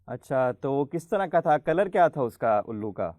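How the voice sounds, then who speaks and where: A male host of a children's show talks at a middling pitch in a patient, teacherly way. He draws the letters out slowly and asks the kids questions one by one. The sound is close and dry, with no room behind him. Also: sing-song, a little mellow, no echo. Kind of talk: friendly studio hosting for children.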